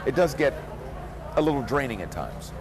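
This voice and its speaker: A man's voice: mid-range voice, sing-song, normal speed. A man who works as a flea circus showman giving earnest, reflective answers in a casual interview. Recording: outdoor recording amid crowd chatter. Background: crowd and street noise outdoors.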